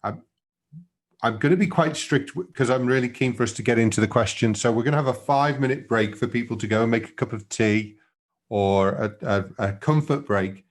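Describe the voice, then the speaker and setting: A man moderating an online seminar, upbeat and quick to praise, with frequent fillers. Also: mid-range voice. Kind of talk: webinar hosting. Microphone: video call.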